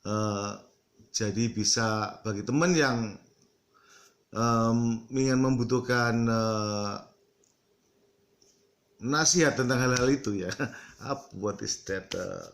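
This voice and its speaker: Middle-aged man from East Java, lower voice, chatty vlogger who hesitates and code-switches. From East Java, Indonesia. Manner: halting, many fillers, mixes English into Indonesian. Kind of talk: casual talk to camera.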